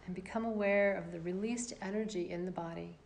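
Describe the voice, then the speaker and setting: A female yoga instructor guides a relaxation session in a low, gravelly voice. Her delivery is calm, measured and gently directive, with long pauses.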